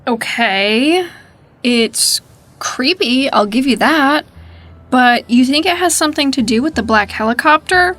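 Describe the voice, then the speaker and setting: A woman's voice: sits high, animated, unhurried, a bit bright, a little hiss or hum. An actress playing a sarcastic, skeptical young woman investigator in an audio drama. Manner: dry, sarcastic.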